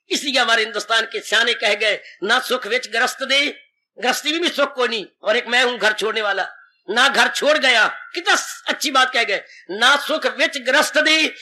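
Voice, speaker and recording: A man's voice: very high voice, pushed and bright. An older man, a swami, giving a devotional sermon on the Gita, emphatic and repeating his key phrases. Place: satsang hall.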